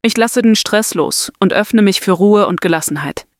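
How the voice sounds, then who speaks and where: This woman's gentle, soothing delivery carries a guided meditation at a moderate pitch. Her lines come out unhurried and deliberate, resembling prepared affirmations. Captured close up and dry, the audio has no echo.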